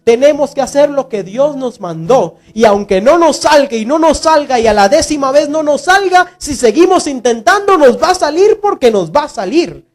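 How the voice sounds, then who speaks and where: A man's voice: expressive, normal speed, hardly any pauses. A male preacher giving a sermon, retelling a story dramatically and acting out the voices of its figures. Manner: dramatic storytelling, acting out voices with big swings in pitch and loudness.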